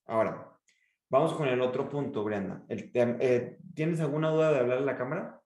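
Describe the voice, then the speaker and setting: A man with a Mexican accent, a speaking coach who gives advice and acts out his examples in an expressive way during a podcast interview. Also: moderate pace, roomy sound. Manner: expressive, demonstrates pitch and emphasis.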